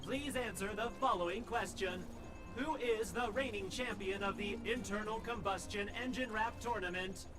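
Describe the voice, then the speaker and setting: A man voicing a stiff robot scout in a game, speaking in flat, clipped machine tones. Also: sits high, normal speed, lightly acted. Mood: mechanical. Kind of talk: game voice acting. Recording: game audio with music.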